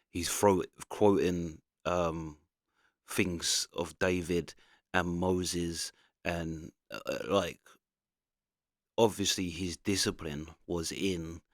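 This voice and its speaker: A man with a deep voice gives off-the-cuff commentary in a very dry recording. He rambles conversationally and leans emphatically on his points. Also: a bit bright, no echo. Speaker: reaction commentator. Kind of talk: casual opinionated commentary.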